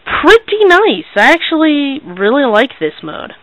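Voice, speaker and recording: A teenage boy talks through a casual hands-on review. He goes slowly and hesitantly, in a low-key way, with a dry sound and little room echo. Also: wildly swooping pitch, pushed and bright. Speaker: toy reviewer. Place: small bedroom, indoors.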